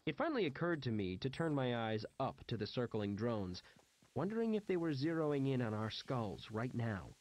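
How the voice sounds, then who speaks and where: A man's voice: mid-range voice, sing-song, moderate pace, darkish tone. Man narrating a wry first-person story. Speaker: audiobook reader. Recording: noisy background hiss.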